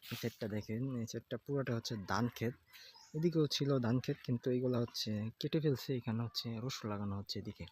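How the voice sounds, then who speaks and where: A man on his first vlog wanders through his thoughts outdoors by sunbaked fields, recording on an old phone held in hand and often tacking on "okay?". He talks fast at a medium pitch, with a darkish tone and a breathy edge.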